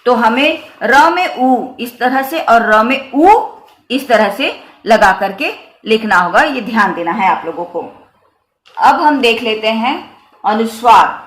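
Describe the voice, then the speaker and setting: A woman teaching a lesson on the written letters, her voice sitting a little high. She talks very slowly and repeats each example with care. The room around her is echoey. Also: lively intonation, a bit bright. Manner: slow, careful explaining with repeated examples. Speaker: Hindi teacher. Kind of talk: grammar lesson on the Hindi script.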